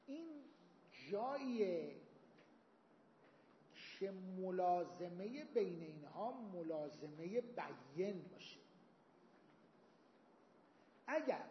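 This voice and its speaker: A man's voice: high-pitched, slight background noise. A man teaching a seminary class on Islamic jurisprudence, explaining points with everyday examples and quoting Arabic texts. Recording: echoey hall, dull lo-fi sound.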